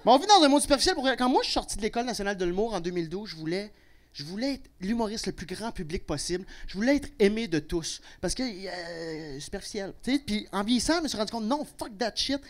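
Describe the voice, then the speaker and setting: A young man with a Québécois accent works a comedy club crowd. His delivery is brash and full of swearing, and it jumps without warning from a low mutter into loud bursts. He talks into a handheld stage mic. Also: sing-song, fast. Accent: Québécois French. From Quebec. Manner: brash and profane, with sudden loud outbursts. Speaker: stand-up comedian. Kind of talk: stand-up comedy set.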